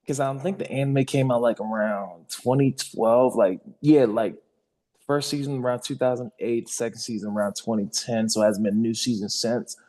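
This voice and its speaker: A man's voice: medium pitch, steady tone, moderate pace, dark tone. A young adult man hosting a podcast in casual, informal chat, often repeating words as he argues and recommends things. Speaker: podcast host. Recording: long reverberant room echo.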